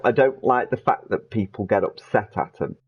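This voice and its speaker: A man's voice: lowish voice, normal speed, breathy edge, narrow, tinny audio, soft background music. A man hosting a game stream, chatting with friends over party chat, laughing often, swearing and teasing. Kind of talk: casual gaming banter.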